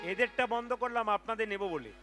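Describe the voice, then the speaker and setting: A man preaching between devotional kirtan songs, energetic and urging the crowd to chant along. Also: high voice, fairly quick. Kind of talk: devotional kirtan with spoken sermon and call-and-response chanting. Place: large outdoor devotional gathering with crowd. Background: folk music with tabla.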